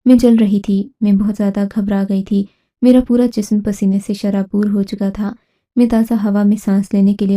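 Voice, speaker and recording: This is a first-person narration of a dramatic family story by a woman. She speaks at medium pitch with the measured, scripted feel of a storyteller.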